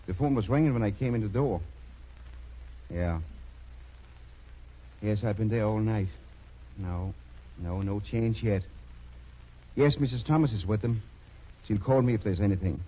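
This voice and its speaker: An actor playing a kindly, fatherly older small-town doctor in a 1930s radio drama, speaking a little hesitantly and gently reproving. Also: on the low side, lively intonation, measured pace, long pauses. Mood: warm, businesslike. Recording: muffled 1930s radio recording.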